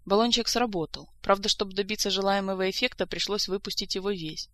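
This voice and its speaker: An audiobook narrator reading a fantasy story with lively storytelling. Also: medium pitch, fast, no echo. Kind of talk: scripted narration.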